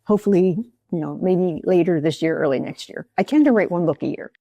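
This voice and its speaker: A woman's voice: on the low side, a little fast, creaky, dark tone, no room sound, highs cut off. A woman author speaking as an interview guest, rambling and explaining at length. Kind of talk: casual interview chat.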